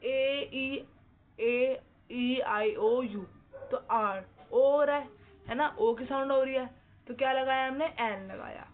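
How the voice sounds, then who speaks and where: Woman teacher on a tinny line. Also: sits high. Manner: slow, repeats words and asks the class questions. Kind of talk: explaining lesson. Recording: tinny, phone-like with faint noise.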